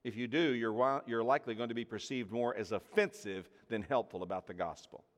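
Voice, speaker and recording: A man's voice: mid-range voice, fairly quick. A man preaching a sermon to a congregation, telling a personal story and acting out the voices in it. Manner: animated storyteller acting out dialogue. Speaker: pastor. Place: church hall with audience. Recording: long hall reverb.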